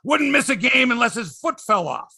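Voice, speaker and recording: A man's voice: very high voice, big pitch swings, moderate pace, vocal fry, pushed and bright, slightly rough. A man hosting a sports talk show, ranting emphatically with exasperated repeats, rhetorical questions and salty language. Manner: salty, profane. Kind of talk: opinionated sports talk rant.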